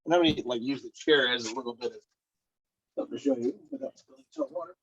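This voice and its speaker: A man working as a personal trainer with a hoarse voice, coaching a client through exercises step by step with easy laughs. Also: on the high side, lo-fi sound. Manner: patient step-by-step instructions, laughs easily. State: hoarse, lost voice. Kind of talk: remote workout coaching.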